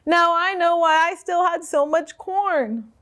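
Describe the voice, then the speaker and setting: A woman's voice: very high-pitched, slow, a bit bright, voice pushed up, full character voice. A woman voicing a grown daughter who indignantly questions her mother in a storybook read-aloud. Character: grown daughter Blanca, annoyed by noise.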